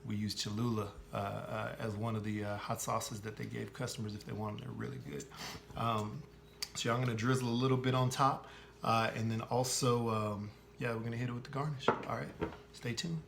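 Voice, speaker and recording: A middle-aged man talks the viewer through a barbecue recipe in a loose, friendly way, tripping over fillers and correcting himself as he goes. His voice sits at an ordinary male pitch, with a faint hum of noise behind him. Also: fairly even intonation, brisk, creaky, a bit bright. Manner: chatty, full of "uh" fillers and self-corrections. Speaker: host of a barbecue cooking channel. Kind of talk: casual cooking how-to.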